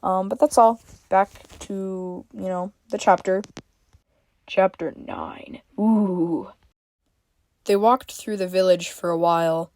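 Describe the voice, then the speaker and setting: A woman's voice: medium pitch, fairly even intonation, slow pace, a little mellow. A woman reading her own story aloud, with small slips now and then.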